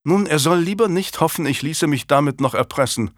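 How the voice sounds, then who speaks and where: Cutting, imperious queen in a historical audiobook, voiced higher and scornful; a man reads her. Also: animated, fairly quick, dry recording, studio quality, lightly acted. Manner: sharp, mocking, bitter.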